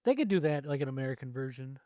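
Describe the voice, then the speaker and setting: A man's voice: medium pitch, very animated, fast talker, warm tone, dry recording, clean studio sound. A man co-hosting a casual chat, rambling and correcting himself as he goes, with casual swearing. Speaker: podcast co-host.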